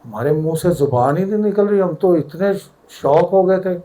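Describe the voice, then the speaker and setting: A man's voice: sits high, animated, moderate pace, dark tone, poor audio. An older man with a Punjabi accent tells a story at a satsang, vividly acting out the dialogue. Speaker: devotee sharing a satsang story.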